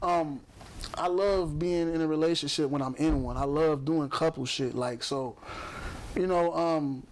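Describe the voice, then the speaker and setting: A young man from Chicago's south side, with a Chicago accent, hosts a podcast full of loose, profane, boastful casual talk and plenty of fillers. His voice is a little high and his pace measured.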